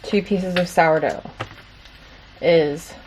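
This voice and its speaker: A woman's voice: fairly low pitch, fairly even intonation, slow pace, background noise. A young woman chatting casually in a vlog, upbeat and full of "like". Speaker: vlogger. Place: home kitchen.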